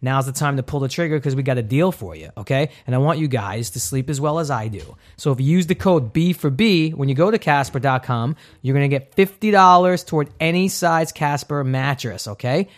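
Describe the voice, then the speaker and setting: Guy hosting a podcast, upbeat and jokey, reading ads like he's just chatting, mid-pitch voice. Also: animated, brisk, hardly any pauses. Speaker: podcast host. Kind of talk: casual podcast chat with ad reads.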